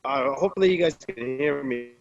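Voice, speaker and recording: A man calling in remotely to a casual chat, his voice glitching into robotic distortion with jumps in pitch. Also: brisk, vocal fry. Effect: glitchy robotic distortion with pitch jumps from a bad connection. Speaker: remote participant. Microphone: online call. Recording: dull lo-fi call audio with faint music.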